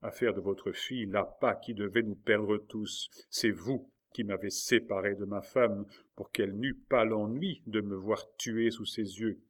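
A man's voice: fairly low pitch, steady tone, measured pace, hardly any pauses. A man voicing a cornered young prince who accuses his enemy firmly. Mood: accusing. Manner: firm, accusing.

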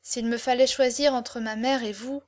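A woman reading the part of a tender, devoted young woman, soft and heartfelt. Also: on the high side, fairly even intonation, normal speed, lightly acted. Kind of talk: audiobook character reading.

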